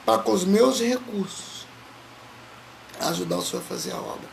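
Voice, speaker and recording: A male preacher voicing a poor, devout elderly woman in a soft, subdued tone. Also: high voice, moderate pace, creaky, background noise. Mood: humble, quiet.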